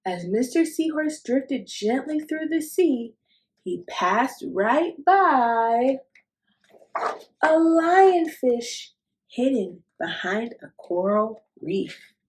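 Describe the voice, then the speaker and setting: A woman hosting a children's storytime, reading a picture book expressively with drawn-out, child-directed phrasing. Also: fairly high pitch, a little hiss or hum.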